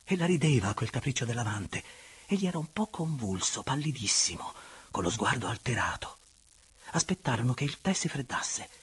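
A man narrating a classic novel aloud in an expressive, hushed storytelling manner. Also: mid-range voice, moderate pace, husky. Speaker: audiobook reader. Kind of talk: dramatic literary narration.

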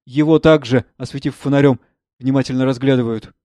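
A man quietly reading the stage directions of a play aloud in a measured way. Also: mid-range voice, fairly even intonation, no room sound.

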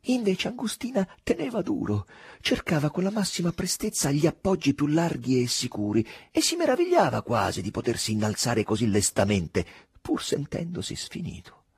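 A man narrating a literary novel in an expressive, measured reading. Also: fairly high pitch, breathy edge, no echo, clean studio sound. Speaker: audiobook reader.

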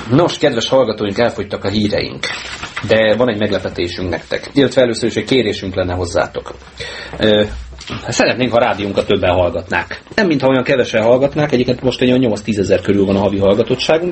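A man hosting an amateur talk radio show, chatting casually with a joking, sarcastic manner. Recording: low-bitrate mono mp3 with faint hiss.

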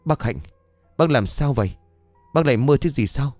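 A concerned spiritual master speaks in a steady, reassuring way, read by a male narrator. Faint music runs quietly under this audio story. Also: medium pitch, normal speed, no echo, voice pushed up, close to an everyday voice.

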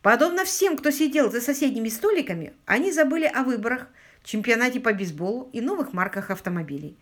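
A woman narrating an audiobook with expressive storytelling. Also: on the high side, fast. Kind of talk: scripted narration.

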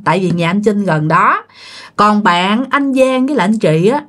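A woman with a southern Vietnamese accent narrating a ghost story, often turning to talk straight to her listeners. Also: mid-range voice. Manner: animated, addresses listeners directly.

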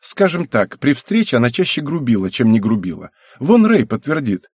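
A man's voice: medium pitch, very animated, normal speed, a little mellow, breathy edge, no echo, clean studio sound, pitched above the performer's own voice. A man voicing a sly, talkative teenage boy who schemes.

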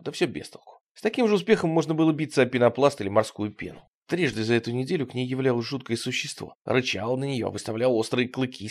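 Man narrating a dark story. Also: medium pitch. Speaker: audiobook narrator. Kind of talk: scripted narration.

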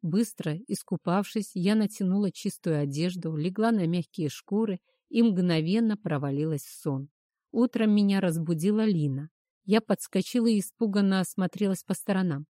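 A woman narrating a first-person story as an audiobook in an even storytelling manner. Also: on the low side, normal speed, no echo, clean studio sound.

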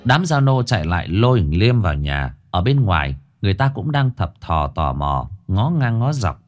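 Male storyteller, lively pitch, dramatic delivery, faint music under. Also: normal speed. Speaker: ghost story narrator.

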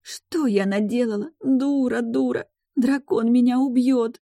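A woman's voice: moderate pace, dark tone, no room sound, clean studio sound, close to an everyday voice. A woman voicing a jumpy, tearful seventeen-year-old sorceress girl in an audiobook, whiny and panicky. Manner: whiny, panicky, high-strung. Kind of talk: audiobook character voice.

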